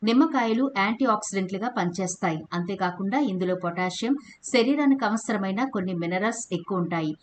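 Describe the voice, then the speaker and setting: A woman with a mid-range voice narrates a home remedy video in a steady, explanatory voice-over. She greets viewers as friends and walks through each step plainly. A faint hiss of noise sits under the recording. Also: medium pitch. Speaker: home remedy channel host.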